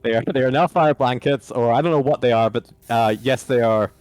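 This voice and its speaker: A man's voice: mid-range voice, fairly quick, a little mellow. A man narrating as game master of an online tabletop game, hesitant and full of fillers.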